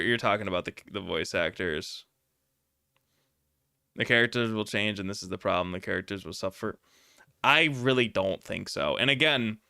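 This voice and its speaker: A man's voice: mid-range voice, pushed and bright, clear, resonant tone, no room sound, studio quality. A man giving casual, rambling gameplay commentary as a streamer, answering chat questions with lots of fillers and swearing. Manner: rambling, chatty, many fillers and profanity. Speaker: gaming streamer.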